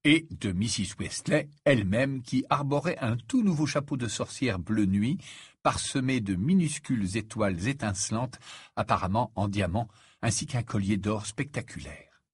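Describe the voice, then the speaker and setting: A man reading a storybook aloud as narrator, with lively storytelling. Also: medium pitch, moderate pace, slightly rough, no echo, studio quality. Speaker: audiobook reader. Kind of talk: scripted narration.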